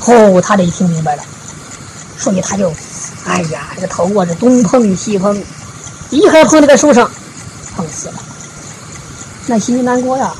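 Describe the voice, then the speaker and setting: A woman giving a Buddhist dharma talk, retelling a parable in a folksy storytelling way, with frequent drawn-out filler particles. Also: medium pitch, expressive, background noise. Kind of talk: storytelling sermon.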